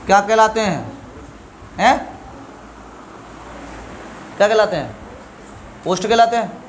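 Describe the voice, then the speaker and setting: A man's voice: high-pitched, big pitch swings, fairly quick, a little hiss or hum. A middle-aged male teacher giving a classroom lesson, asking questions and answering them himself while drilling sounds.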